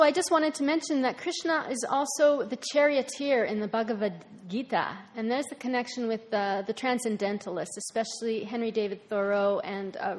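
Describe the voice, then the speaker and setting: A woman speaks at an informal gathering. She explains things in a measured, steady way. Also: on the high side. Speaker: speaker at a talk. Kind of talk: informal talk.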